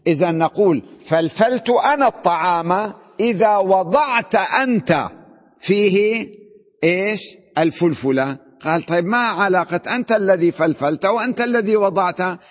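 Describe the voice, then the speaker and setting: A man's voice: high voice, lively intonation, normal speed, in a large hall, dull audio. A man, a sheikh, teaching an Arabic grammar class, explaining patiently and often checking with his students that they follow. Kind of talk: classroom lesson.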